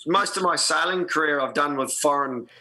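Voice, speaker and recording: A man's voice: fairly high pitch, moderate pace, pushed and bright. A man with a New Zealand accent chatting casually as a guest, in a matey, slangy way. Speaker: podcast guest, sailing club commodore. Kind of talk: casual chat.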